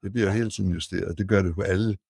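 An older man with a very low, gravelly voice tells anecdotes as a guest, pausing and searching for his words. The sound is dry and close, with no room around it. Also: fairly even intonation, a little mellow, no room sound. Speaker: guest architect. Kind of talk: anecdotal podcast storytelling.

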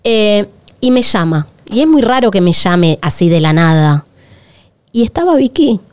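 A woman's voice: medium pitch, a little slow, clear, resonant tone. A woman with a Rioplatense Spanish accent, co-hosting a podcast in candid, confessional chat. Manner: candid, confessional, animated storytelling. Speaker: podcast co-host.

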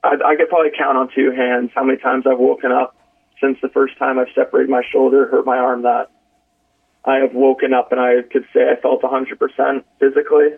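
A young man in his twenties, a college hockey player, telling a story as a podcast guest in a relaxed way with many ums. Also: mid-range voice, a little fast, creaky, slightly rough. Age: 20s. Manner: relaxed, frequent "um" and restarts. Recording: phone-like narrow band.

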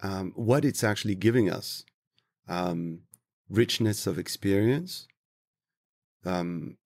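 A low, gravelly man from Tunisia speaks as an interview guest. He is reflective and unhurried, pausing to search for his words. The recording is dry and close. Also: darkish tone, no echo. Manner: thoughtful, slow, searching for words. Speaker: interview guest, travel industry professional.

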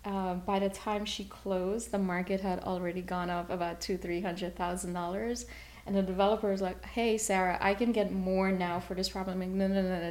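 A woman from Guyana, a real estate agent, talking as a guest in an interview with energetic, quick restarts. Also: mid-range voice.

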